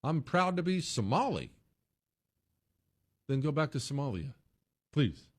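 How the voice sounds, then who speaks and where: Mocking lively-voiced commentator. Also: mid-range voice, unhurried. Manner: mocking, laughing asides.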